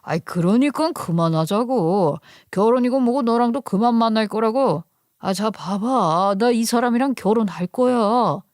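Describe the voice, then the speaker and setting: A woman's voice: on the high side, unhurried, a little mellow, no echo, studio quality, lightly acted. A woman voicing a callous, arrogant young man who is dumping his fiancée, speaking in a cold, sneering way.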